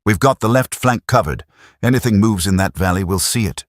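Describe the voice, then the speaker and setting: A man's voice: lowish voice, animated, fairly quick, dry recording, studio quality, pitched above the performer's own voice, natural voice. A man voicing a cheeky young British soldier who talks in a breezy, teasing way. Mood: friendly.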